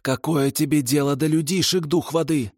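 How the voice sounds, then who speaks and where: A man's voice: fairly high pitch, steady tone, normal speed, no echo, clean studio sound, voice pushed up, natural voice. A man voicing a desperate old female swamp spirit who shrieks and hisses. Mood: bitter. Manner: shrieking and hissing.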